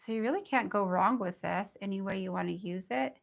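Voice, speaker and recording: A woman with a raspy voice, under the weather, teaching nail art in a bubbly, chatty live tutorial. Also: mid-range voice, fairly quick. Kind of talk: casual live tutorial chat.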